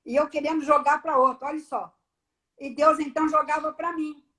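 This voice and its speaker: High-voiced woman giving a testimony. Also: normal speed. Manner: animated storyteller, acts out the dialogue. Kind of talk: personal testimony on a live stream.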